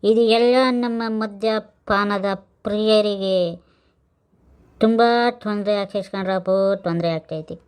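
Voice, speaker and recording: A woman's voice: mid-range voice, level tone, a little slow, darkish tone, clean tone, lightly acted. A woman playing a drunken, boastful village man in a comic skit, rambling with slurred speech and broken English. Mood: slurred, maudlin.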